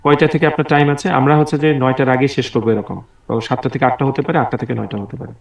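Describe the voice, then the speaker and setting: A mid-range, steady male voice with vocal fry moves at a quick pace while teaching English online. Patient and encouraging, he has students repeat words aloud over a video call whose audio sounds roomy and far away.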